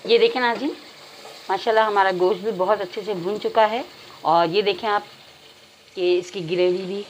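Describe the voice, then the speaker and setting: A woman hosting a cooking channel, giving calm step-by-step recipe instructions to her viewers in a home kitchen. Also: mid-range voice, a little hiss or hum, rough recording.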